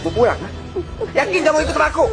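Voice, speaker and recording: A woman's voice: high-pitched, big pitch swings, racing, gravelly, full character voice. A woman voicing a controlling, hot-tempered drunken man in a taunting, pushy way, over background music. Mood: threatening.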